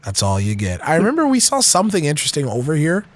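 A man's voice: a little high, wildly swooping pitch, fast, a little hiss or hum. A young man cracking laid-back, profane jokes while commentating a fighting game with a friend. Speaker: let's play co-host. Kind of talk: casual gameplay commentary.

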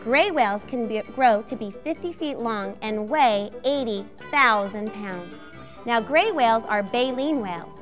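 A woman's voice: on the high side, animated, a little slow, soft background music. A woman presenting a scripted educational fact segment on a children's show. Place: TV studio set.

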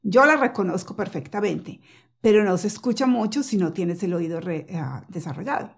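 A woman teaching English pronunciation to camera in a casual lesson, repeating example phrases slowly and patiently and reassuring the learner. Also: fairly low pitch, expressive, creaky, husky. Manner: reassuring and encouraging.

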